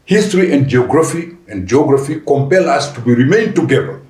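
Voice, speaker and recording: Deliberate man, roomy echo. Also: medium pitch, expressive, darkish tone. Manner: deliberate with frequent restarts and fillers. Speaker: panel guest. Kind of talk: podcast panel discussion. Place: conference venue.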